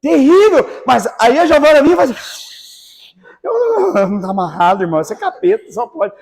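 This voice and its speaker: A pastor delivers an evangelical sermon in a church. He swings between quiet, confiding asides and sudden shouted exclamations. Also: very high voice, very animated, a little fast, vocal fry.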